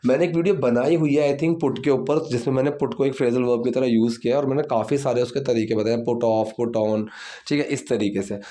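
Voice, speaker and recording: A man teaching English grammar, explaining step by step and repeating example sentences slowly. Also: medium pitch, steady tone, dark tone. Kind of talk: bilingual grammar lesson.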